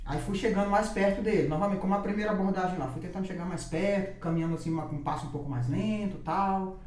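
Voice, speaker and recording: Fast-talking man telling a testimony. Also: sits high, heavy reverb, slight background noise. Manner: animated, vivid retelling with lots of quoted dialogue. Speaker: podcast guest. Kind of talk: personal testimony storytelling.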